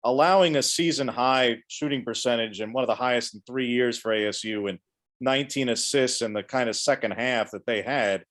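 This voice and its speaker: A man's voice: mid-range voice, a little fast, a bit bright. A man, a reporter, asking a coach a long, pointed question at a press conference.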